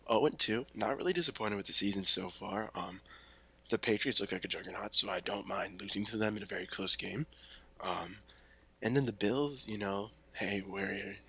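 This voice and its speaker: A young man with a lowish voice co-hosts a podcast in a loose late-night chat. He jokes around and talks in easy slang, relaxed and unhurried. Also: creaky, breathy edge. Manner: laid-back, joking, slangy. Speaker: podcast co-host.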